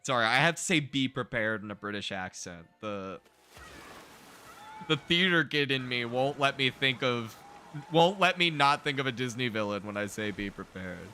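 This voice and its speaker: A man doing casual, excitable gameplay commentary, joking and swearing freely as he tours his theme park. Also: mid-range voice, moderate pace, faint music behind. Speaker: streamer showing a theme park build.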